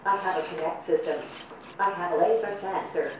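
A computer-generated female robot voice announces each step in a flat, formal and evenly paced way. It sits a little low and is heard from a distance in a very echoey room. Steady noise hangs behind it. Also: moderate pace. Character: service robot speaking to people. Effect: synthetic text-to-speech robot voice. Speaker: service robot. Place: indoor robot test arena.

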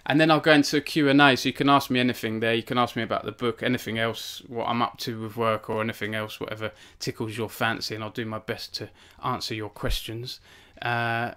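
A man's voice: mid-range voice, little pitch movement, fairly quick, few pauses, sharp tone, smooth. A young man hosting a casual live stream from his home cabin, rambling with many fillers and self-deprecating asides. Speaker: author hosting a book launch stream.

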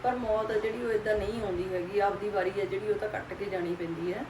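Middle-aged woman vlogger, mid-pitched, gentle and grieving, consoling tone, chatty asides. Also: steady tone, fast, noisy background. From Punjab. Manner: soft, sorrowful, consoling, with many tag questions. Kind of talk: casual heartfelt talk to viewers.

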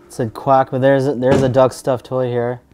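A man investigating a haunting, asking questions in a hushed voice during a casual ghost-hunting session. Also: medium pitch, flat delivery, moderate pace, soft background music. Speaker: paranormal investigator.

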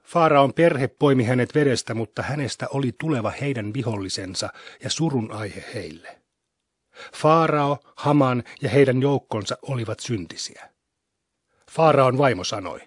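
A man giving a solemn, scripted scripture reading in a measured, unhurried manner, recorded close to a studio microphone. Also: medium pitch, breathy edge, no echo. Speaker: scripture reader.

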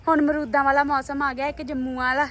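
A woman's voice: high-pitched, flat delivery, fast talker, a bit bright. A woman in casual chat, agreeable and often affirming what she hears. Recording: noisy home recording outdoors.

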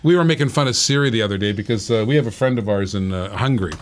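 A man hosting a talk show, pitching gadgets as an animated salesman who keeps repeating phrases and prices. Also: racing, slight background noise. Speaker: host.

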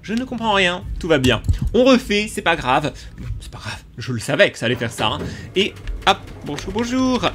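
Excitable high-voiced French gaming man. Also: moderate pace, slight background noise. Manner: excitable, talks to viewers while playing; sudden yelps and jumps in pitch. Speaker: gaming YouTuber. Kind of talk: let's play commentary.

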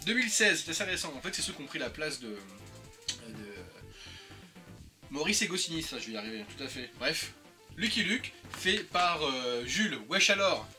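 Joking man in his thirties, casual co-host, slightly higher voice, music under the talk. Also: sing-song, moderate pace, pushed and bright. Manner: joking, laughing, swears casually. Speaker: co-host showing flea market finds. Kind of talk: casual chat.

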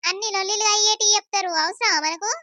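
A woman's voice: very high-pitched, steady tone, fast talker, sharp tone, no echo, dull audio, faint music behind. A woman voicing an anxious middle-aged village mother, pleading and questioning. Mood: suspicious.

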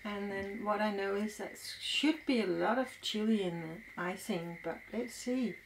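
A native Danish speaker from Denmark, co-hosting, chats casually while tasting food and eating as she talks. Her mid-range voice moves at a moderate pace, but the audio is poor, with a little hiss or hum.

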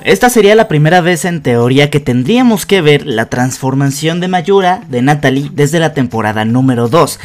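With a slightly mellow, fairly high voice and a Mexican accent, this young man presents scripted fan commentary as a video host on YouTube. He sounds enthusiastic and emphatic, and the voice-over has music playing behind it.

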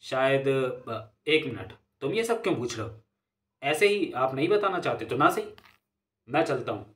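A man's voice: medium pitch, big pitch swings, normal speed, close to an everyday voice. Cagey older official in a comic-story reading, played by a male narrator: curt, evasive. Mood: guarded.

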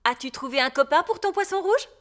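A woman's voice: sits high, expressive, fairly quick, fairly bright tone. A woman playing a friendly female rabbit café worker in a children's cartoon, chirpy and helpful. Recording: music behind the voice.

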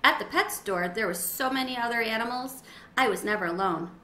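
Woman reading aloud as gentle shy female pet, soft, kind, bright voice, faint ambience. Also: on the high side, fairly quick, slight background noise. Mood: friendly. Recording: roomy echo, faint ambience.

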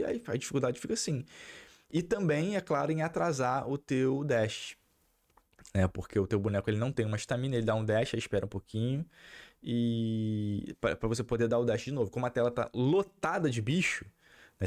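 A man's voice: medium pitch, darkish tone. A man with a Brazilian Portuguese accent, a gaming YouTuber giving his opinion in a casual, slangy way, often tagging sentences with questions. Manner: slangy, frequent tag questions, heated.

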